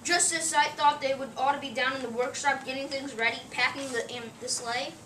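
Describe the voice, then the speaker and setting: A woman's voice: high-pitched, steady tone, a little fast, fairly bright tone. A woman playing a grumpy old Santa Claus with a cold, blustering and indignant in an amateur play reading. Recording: echoey room, distant mic, noise.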